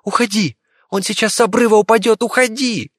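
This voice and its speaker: A man voicing a practical young girl who speaks briskly and grumbles. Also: medium pitch, no room sound, studio quality, voice pushed up, natural voice. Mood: screaming. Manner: brisk, grumbling when calm.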